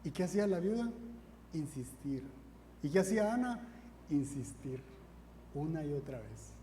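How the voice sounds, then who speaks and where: A fervent preacher, a man whose fairly high voice sits on a warm, mellow tone. He presses his points again and again with repeated refrains. He is heard in a long-ringing church hall with a faint hum behind him. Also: big pitch swings, moderate pace. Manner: fervent and repetitive, drives points home with refrains. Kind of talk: sermon. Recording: echoey hall, faint ambient noise.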